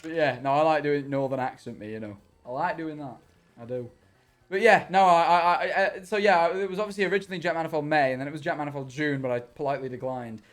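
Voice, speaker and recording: A man's voice: fairly high pitch, quick pace, faint music behind. A young man streaming a game, chatting casually, rambling, correcting himself and swearing freely. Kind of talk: casual livestream chat while gaming.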